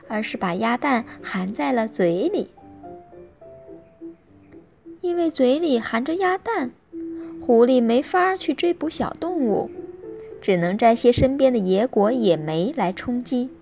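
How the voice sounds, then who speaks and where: A woman gently narrating a bedtime story to children in an expressive storytelling voice. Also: high-pitched, measured pace, creaky, faint music behind.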